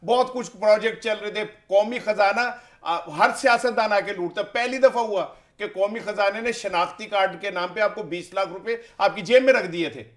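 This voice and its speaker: A man's voice: high voice, few pauses. A man giving heated political commentary as an analyst, speaking in an impassioned, rhetorical way and piling up questions.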